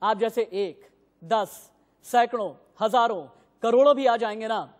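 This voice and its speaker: A man's voice: high-pitched, a little slow, crowd noise. A male news anchor in a heated live TV debate, combative and hammering the same phrases again and again. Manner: combative, repeats phrases insistently.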